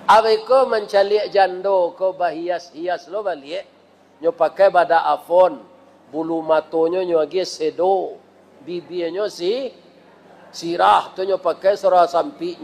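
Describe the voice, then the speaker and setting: High-voiced Minangkabau preacher, unhurried. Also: male voice, gravelly. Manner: lively storytelling with frequent rhetorical questions. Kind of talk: sermon. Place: mosque.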